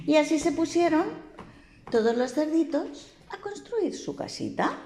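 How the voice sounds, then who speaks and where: Brief: animated woman storyteller for a child, asks questions along the way, echoey room. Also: high-pitched, unhurried, a little hiss or hum. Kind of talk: telling a fairy tale to a child.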